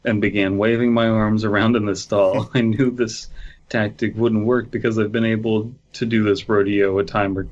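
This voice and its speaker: Over an online call mic, with the highs cut off, a man with a lowish, slightly mellow voice speaks in a level tone at a moderate pace. Co-hosting a comedy podcast, he reads a story aloud and keeps dissolving into giggles amid the casual banter.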